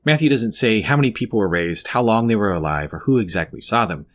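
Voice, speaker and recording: A man's voice: fairly low pitch, animated, fast, fairly bright tone. A man delivering scripted, conversational video commentary as a host, with wry, sarcastic asides.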